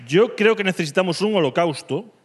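A man with a Spanish accent from Spain doing stand-up comedy, delivering provocative dark humor that swings from mock calm to loud. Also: high voice, a little fast, a loud crowd, very noisy.

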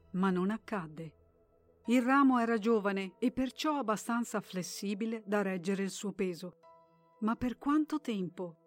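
A woman narrating a short story in a calm, measured way, with dramatic pacing. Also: mid-range voice.

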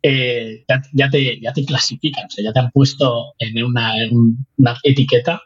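Husky Spanish man, lively guest chat. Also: mid-range voice, moderate pace, dull audio. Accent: Spain Spanish. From Spain. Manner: animated, laughs often, many restarts. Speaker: guest researcher. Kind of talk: casual interview chat.

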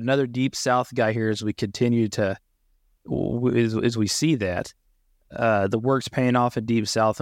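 A man's voice: medium pitch, no echo, studio quality. A man co-hosting a wrestling podcast, enthusiastic, reading out title history in casual chat. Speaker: podcast co-host.

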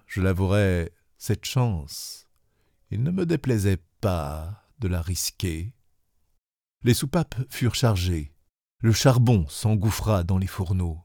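A man narrating an audiobook in the first person, in a measured, steady way. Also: lowish voice, no echo, clean studio sound.

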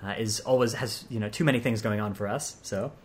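A man's voice: on the low side, brisk. A man hosting a podcast, chatting casually with lots of hesitations and fillers. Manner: rambling, hesitant with many fillers. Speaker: podcast host.

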